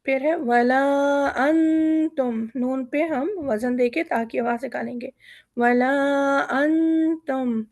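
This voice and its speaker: A woman teaching Quran recitation, reciting verses slowly and drawn out, then patiently explaining how each letter is pronounced step by step. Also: sits high, steady tone, a little mellow, no echo. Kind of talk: online recitation lesson.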